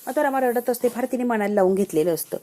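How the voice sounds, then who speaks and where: A woman's voice: a little high, lively intonation, fast talker, warm tone. A woman narrating a conversational recap of a television episode as a voiceover, often asking the listener questions. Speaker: serial episode reviewer. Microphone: voiceover microphone.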